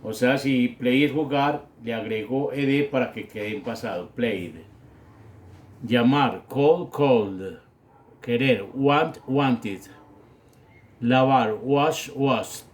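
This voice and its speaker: Slow, patient man teaching grammar. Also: medium pitch. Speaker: English teacher. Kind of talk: classroom grammar lesson.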